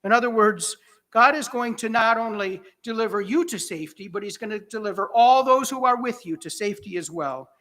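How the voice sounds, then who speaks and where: Male pastor, high and bright-toned, folksy sermon delivery, restarts mid-sentence. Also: fairly quick. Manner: conversational preaching with chuckles and self-corrections.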